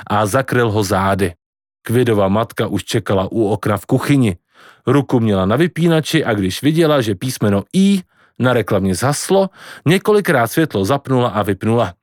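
A man reading a novel aloud, narrating in an expressive storytelling manner. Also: mid-range voice, no echo, clean studio sound. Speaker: audiobook reader. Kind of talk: scripted narration.

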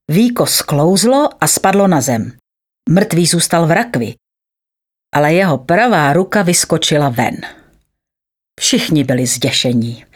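A woman reads a story aloud in a fairly low voice. Her measured narration is lively and full of pitch movement, expressive throughout.

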